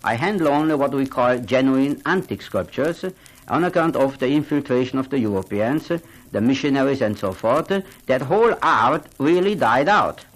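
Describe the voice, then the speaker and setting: With a mid-range voice at normal speed, an older Hungarian man talks on radio about his work as an art gallery owner and collector. The recording is rough, and his manner is animated and sincere, with non-native turns of phrase.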